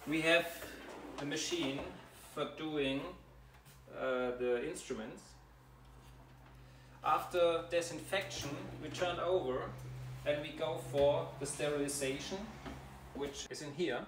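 Walking through a dental clinic's treatment and sterilization room, a male dentist explains things in a voice on the high side. His delivery is slow and halting, with many fillers and false starts. Recorded indoors by a camera mic several steps off, the audio sounds distant and roomy, with noticeable background noise.

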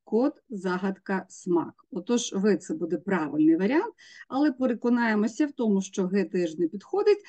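Female teacher, mid-pitched and warm, patient step-by-step exam explainer. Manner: explains step by step, spells out letters and sounds. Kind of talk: exam prep lesson.

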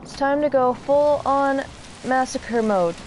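A young woman speaks slowly in a high voice as she streams, giving casual, profane, and sarcastic play-by-play of a game. Game sound sits behind her in a noisy recording.

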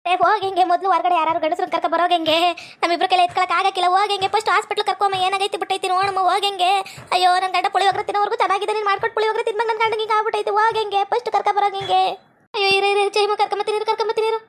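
Rapid-fire and extremely high-pitched, with little pitch movement, a woman portrays a frantic young village wife fussing over her husband in a village comedy skit. She wails and keeps repeating herself.

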